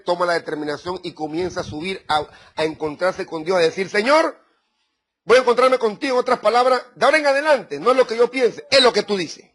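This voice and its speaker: A man's voice: high-pitched, fairly bright tone. A middle-aged man preaching a sermon, speaking directly to his congregation with rising emphasis. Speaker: pastor.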